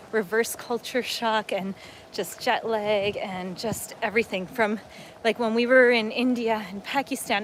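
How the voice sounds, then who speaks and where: A woman's voice: medium pitch, a little hiss or hum. A middle-aged woman from upstate New York, hosting a casual livestream on a lakeside waterfront, chatting and reading viewer comments aloud as she walks. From upstate New York, USA. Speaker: travel vlogger hosting a livestream.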